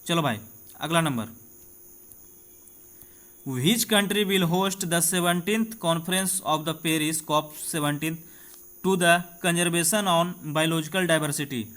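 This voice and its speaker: Reading quiz questions aloud and walking through the answers, this Bihari-accented teacher runs a casual exam-prep session. He speaks straight to his students in a chatty way, checking in repeatedly, with a slightly high, fairly bright voice.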